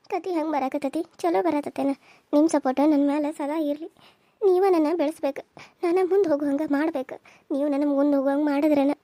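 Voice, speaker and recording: A woman's voice: sits high, dark tone, no echo. A woman, earnestly pleading with viewers in a chatty way as a cartoon serial's narrator.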